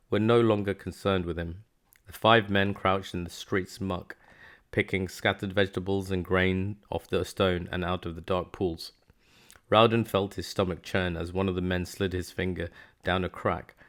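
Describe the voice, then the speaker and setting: A man reading a fantasy novel aloud as an amateur narrator, in a steady, measured way. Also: deep voice. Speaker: hobby book reader.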